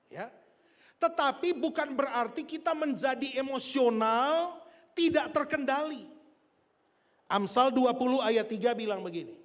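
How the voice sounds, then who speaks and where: A male pastor, preaching a sermon to a congregation in a lively storytelling way, asking them questions. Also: very high-pitched. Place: large church hall. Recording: church hall reverb.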